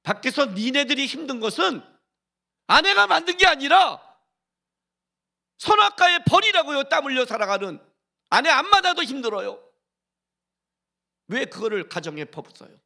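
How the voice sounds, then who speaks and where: Preaching to his congregation, this middle-aged senior pastor speaks at normal speed in a high, bright, creaky voice with a sing-song, widely moving pitch, pausing often. He urges them with rhetorical questions and jumps between loud appeals and near-whispered asides. At one point he sings a short hymn line.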